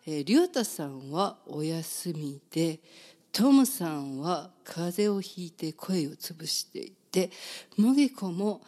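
A woman with a Kansai accent hosting a community radio talk show in a studio, chatty and quick to laugh, her voice slightly hoarse. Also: fairly low pitch, animated, warm tone. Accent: Kansai Japanese. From Kansai, Japan. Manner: chatty, laughs often, many fillers.

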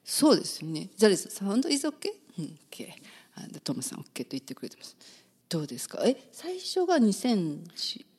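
A woman from Kyoto with a Kansai accent, hosting a casual live talk show from a radio studio and chatting with quick side remarks. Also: medium pitch, huge pitch swings, darkish tone, slightly rough. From Kyoto, Japan.

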